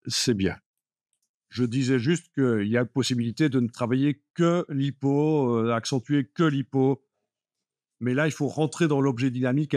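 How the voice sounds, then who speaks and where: A man's voice: medium pitch, a little mellow, no echo, studio quality. A man teaching a live Photoshop class, explaining steps patiently with many fillers like "euh" and "voilà". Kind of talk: live classroom software lesson.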